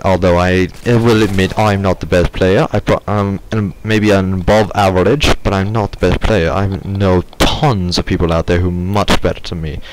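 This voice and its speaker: A man's voice: sits low, steady tone, normal speed, few pauses. A man giving casual gameplay commentary, rambling and slipping in and out of a put-on odd accent. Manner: rambling, with many fillers and restarts. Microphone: sensitive desk mic. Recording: game gunfire and artillery noise behind.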